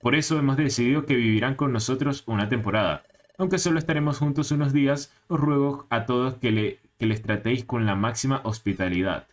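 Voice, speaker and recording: A man's voice: medium pitch, brisk, natural voice. A man voicing a fussy male parrot foreman who gives orders in a formal, announcing way. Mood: bossy.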